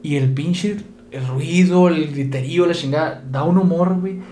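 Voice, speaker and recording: A man with a Mexican accent hosts a loose, casual chat, leaning on street slang and filler at every turn. His voice is a touch high for a man. The sound is echoey, with faint background noise. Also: moderate pace, mellow. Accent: Mexican Spanish. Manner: slangy, peppers every phrase with "güey", laughs often. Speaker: podcast host.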